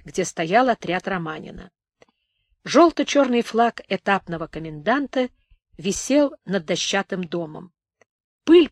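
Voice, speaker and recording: A woman reading a literary memoir aloud as an audiobook narrator, in an even, measured way on a close mic. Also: mid-range voice, no room sound. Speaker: audiobook reader.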